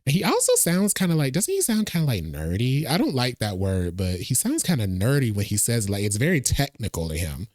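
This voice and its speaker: A man hosting a casual trailer reaction, chatty and animated, thinking out loud as he watches. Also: medium pitch, fairly quick, few pauses, dry recording, studio quality. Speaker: reaction video host.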